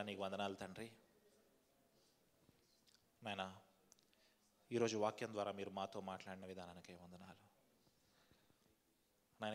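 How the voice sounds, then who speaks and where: A man with a lowish voice preaches in a large church hall, questioning the congregation and guiding them through a fervent prayer. His delivery follows a repetitive prayer cadence.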